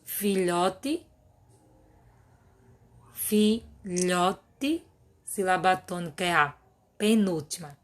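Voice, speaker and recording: A woman teacher with a Brazilian Portuguese accent, reading workbook exercises aloud for a remote class. She dictates words one at a time at an unhurried, deliberate pace. She explains each task patiently. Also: medium pitch.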